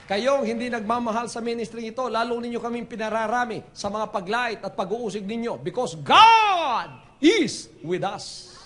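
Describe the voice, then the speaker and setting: A male pastor with a Filipino accent preaching a fervent sermon, moving between hushed asides and shouted exclamations. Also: very high voice, fairly even intonation, a little fast, few pauses, some chatter behind. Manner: switches between Tagalog and English.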